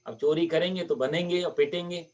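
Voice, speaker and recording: A man's voice: on the high side, brisk, a little mellow, far from the mic, voice pushed up, close to an everyday voice. A man voicing a humble, simple old male saint who pleads earnestly in a story sermon.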